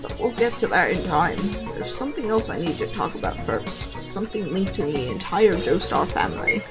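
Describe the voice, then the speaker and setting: A woman's voice: fairly low pitch, sing-song, moderate pace, over loud music. Woman playing a dramatic old grandfather, amateurishly overacted. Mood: grave. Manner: amateurish, overdramatic bad acting. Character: dramatic, boastful old grandfather, grave storyteller. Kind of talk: amateur anime game voice-over.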